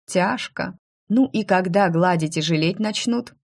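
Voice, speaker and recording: Low-voiced woman narrating a story. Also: a little slow. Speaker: audiobook narrator.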